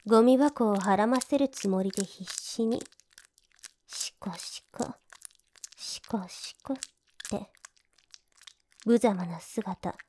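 A woman's voice: mid-range voice, measured pace, hardly any pauses, mellow, a little hiss or hum, close to an everyday voice. A woman playing a sneering polite maid. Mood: mocking commands.

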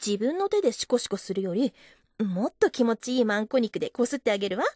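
A coy, teasing young office wife, acted by a woman in an adult audio drama. Her voice sits high and swoops up and down constantly. The sound is dry and close. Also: very animated, fast talker, darkish tone, no room sound. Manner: teasing and coy, giggling often. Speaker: voice actress.

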